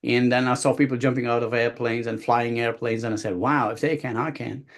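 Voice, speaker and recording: A man's voice: mid-range voice, fairly even intonation, brisk. A man from Belgium in his fifties, a body language coach telling his life story on a video call, with many restarts and quoted voices. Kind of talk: casual storytelling.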